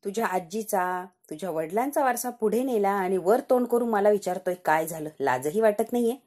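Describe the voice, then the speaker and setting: A woman's voice: mid-range voice, lively intonation, fairly quick, darkish tone, natural voice. A woman voicing a stern, middle-aged aunt from a TV serial who scolds the family sharply. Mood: scolding.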